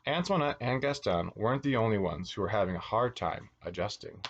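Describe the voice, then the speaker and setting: A man's voice: lowish voice, fairly quick, lo-fi sound, slight background noise. A man reading a children's storybook aloud as a teacher, expressively, with asides to his young listeners. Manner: expressive, acts out words and exclamations.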